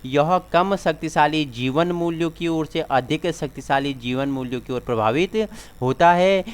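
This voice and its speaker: Male exam-prep teacher with a smooth, slightly high voice, drilling points over and over.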